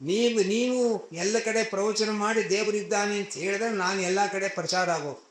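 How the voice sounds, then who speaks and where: A man's voice: high-pitched, steady tone, moderate pace, natural voice. A man voicing a gracious male god who kindly reassures offended sages, in an echoey hall. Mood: reassuring.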